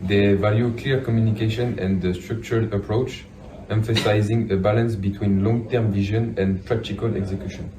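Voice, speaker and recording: Low-voiced young man. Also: steady tone, normal speed. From Paris, France. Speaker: student panelist. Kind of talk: student panel discussion. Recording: echoey auditorium, distant mic, noisy.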